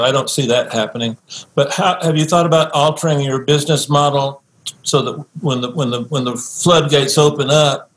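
A man's voice: medium pitch, fairly bright tone, rough recording. Drawling Kentucky man asking questions. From Southern US. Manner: drawling, jokey, thoughtful questions. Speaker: show co-host. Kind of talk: casual interview chat.

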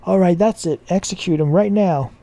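A man's voice: on the low side, slow pace, mellow. A man voicing a stern male priest who speaks solemnly. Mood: shouting.

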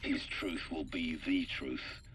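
An actor playing a grave, bitter veteran soldier delivering a deliberate dramatic monologue for a war game briefing. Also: male voice, extremely low pitch, fairly bright tone, far from the mic, slight background noise, heavily acted.

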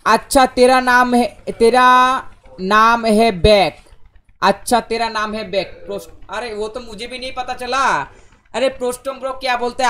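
A man's voice: extremely high pitch, a bit bright. A man chatting casually on a live game stream, bantering with viewers and teammates and dropping into English phrases.

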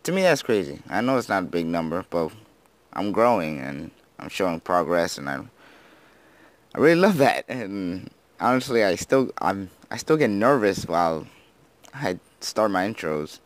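A teenage boy with a notably deep voice rambles through casual commentary as he plays. He apologizes often, laughs at himself and slurs some words, sounding freshly woken. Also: sing-song, moderate pace, dry recording. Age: teens. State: just woken up. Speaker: gaming YouTuber.

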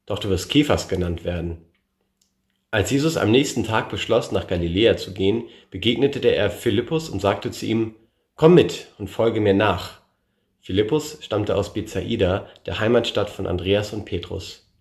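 A man with a fairly low voice reads a Bible passage aloud, measured and clear. He lifts his voice for the speakers he quotes. The recording has a noticeable room echo. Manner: measured reading, gives the quoted speakers a lift. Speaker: scripture reader. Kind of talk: bible reading.

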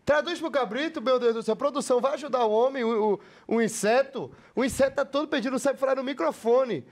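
High-voiced teasing male host. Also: fast. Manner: teasing, directs the contestant. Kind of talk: hosting a live dating game.

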